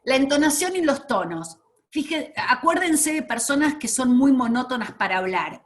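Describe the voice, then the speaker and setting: A woman's voice: sits high, animated, normal speed. Enthusiastic woman giving a training lecture. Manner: enthusiastic, emphatic, many fillers.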